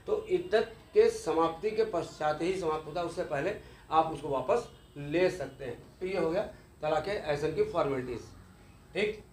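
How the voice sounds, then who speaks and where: A man's voice: a little high, normal speed, slight background noise. Man teaching law in an echoey room. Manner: explanatory, repeats key terms, mixes English legal words. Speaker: law lecturer. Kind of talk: exam-focused law lecture.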